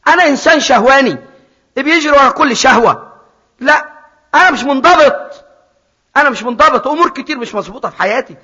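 A man's voice: lively intonation, very fast, slightly rough, full character voice. Man acting out a desperate remorseful prodigal son. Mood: anguished. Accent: Egyptian Arabic. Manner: loud, high, anguished inner monologue. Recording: dull, reverberant hall sound.

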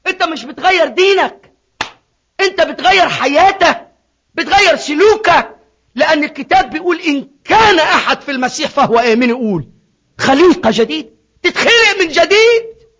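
A man preaching a sermon, swinging from hushed asides to shouted appeals. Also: very high-pitched. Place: church in Sydney. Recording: dull lo-fi recording.

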